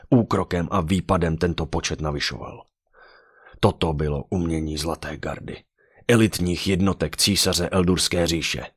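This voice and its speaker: A man narrating a dark fantasy audiobook with dramatic storytelling. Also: low voice, no room sound, studio quality.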